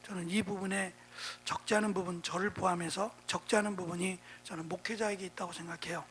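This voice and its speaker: A man's voice: sits high, steady tone, fast talker, fairly bright tone, a little hiss or hum. A male pastor preaching a Bible exposition sermon in a conversational way, often checking in with the congregation through rhetorical prompts.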